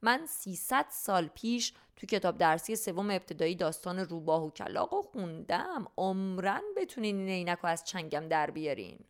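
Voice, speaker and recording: A woman's voice: fairly low pitch, animated, hardly any pauses, clear, resonant tone. A woman voicing a cocky, know-it-all male talking crow in a storybook reading, mocking and lecturing.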